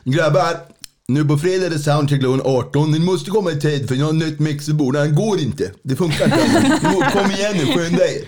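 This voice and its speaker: Man imitating a nagging Örebro sound guy, hurried, a touch raised in pitch. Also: expressive, darkish tone, natural voice. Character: fussy male sound tech with Örebro dialect.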